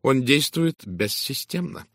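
A man voicing a fussy, shrewd middle-aged Belgian detective who speaks in a soft, measured, confiding way. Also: medium pitch, lively intonation, slightly rough, dry recording, studio quality, pitched above the performer's own voice.

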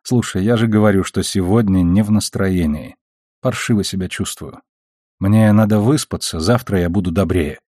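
A blunt, mocking woman crewmate, as a male narrator reads her in an audiobook. The voice is low and husky, and it sounds dry and close, with no room around it. She speaks frankly and teases easily. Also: normal speed, mellow, no room sound. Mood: teasing. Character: blunt, teasing woman crew member. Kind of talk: audiobook character reading.

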